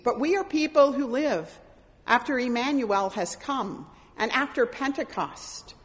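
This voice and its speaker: Woman pastor, middle-aged, high voice, lively sermon delivery, echoing church hall. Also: measured pace. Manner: animated storytelling, voices quoted speakers.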